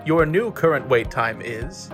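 A man's voice: mid-range voice, a little slow, music in the background. Brief: man as robotic-polite hold-line voice, dry and smug. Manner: polite, smooth, deadpan. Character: smug automated phone menu voice, male.

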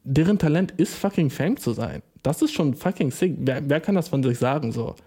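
A man's voice: a little high, animated, moderate pace, mellow, husky. A young man delivering a profane, sarcastic solo comedic rant full of slang, as host.

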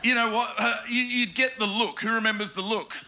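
Speaking fairly quickly in a high, sharp, steady voice, an Australian pastor preaches to a church hall congregation. He mixes personal stories with jokes, stresses his points and keeps asking the crowd questions. A slight hiss or hum is audible.

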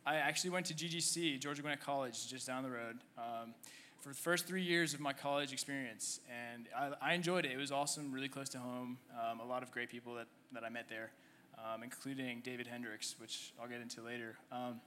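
A man in his twenties telling his life story on a church stage, halting with many fillers and restarts. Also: medium pitch, fairly even intonation, bright, forceful tone, a little hiss or hum. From Egypt. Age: 20s. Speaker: church member guest. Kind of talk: conversational testimony on stage.

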